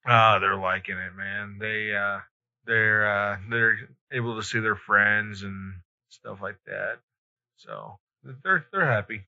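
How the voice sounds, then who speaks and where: A man's voice: on the low side, slow, gravelly. A man hosting a podcast, chatting casually with hesitant, laid-back phrasing. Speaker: podcast host. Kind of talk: casual conversational podcast chat. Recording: slightly muffled, lo-fi podcast sound.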